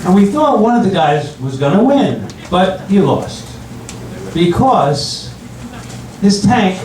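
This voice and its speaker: An older man performing stand-up comedy in front of an audience, telling stories with halting restarts and repeated phrases. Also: high voice, big pitch swings, a little mellow. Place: room with an audience, recorded from a distance. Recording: roomy, distant mic, very noisy.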